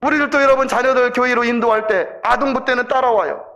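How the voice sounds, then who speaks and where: Male pastor, high voice, emphatic sermon storytelling, church service. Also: steady tone. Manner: emphatic storytelling, rising loud at peaks, slowing into solemn closing. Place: church sanctuary.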